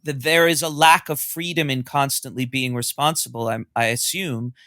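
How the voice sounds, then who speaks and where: A man's voice: mid-range voice, steady tone, moderate pace, bright, forceful tone, no echo, studio quality. A man co-hosting a podcast, asking earnest questions and building his points emphatically. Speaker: podcast co-host. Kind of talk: casual interview questions.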